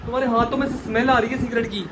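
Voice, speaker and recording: A young man, loudly accusing and scolding during a prank at home. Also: extremely high pitch, steady tone, rapid-fire, very noisy. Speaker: vlogger, husband in a prank. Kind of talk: prank vlog confrontation. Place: home bedroom, indoors.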